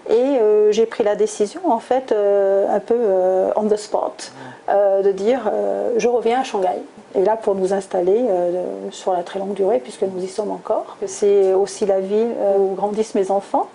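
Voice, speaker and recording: Guest, middle-aged woman, warm and mellow, hesitant and reflective. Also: mid-range voice, fairly even intonation, normal speed, vocal fry, slight background noise, low-quality recording. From France, southwest (Toulouse). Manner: thoughtful, many hesitations with "euh". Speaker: guest, recruiter. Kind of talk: interview answers.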